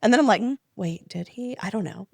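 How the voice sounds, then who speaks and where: A woman's voice: mid-range voice, expressive, fairly quick, gravelly, dry recording, studio quality. A young adult woman co-hosting a podcast, chatting casually in a giggly, rambling way. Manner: giggly, rambling, self-mocking. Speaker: podcast co-host. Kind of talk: casual chat.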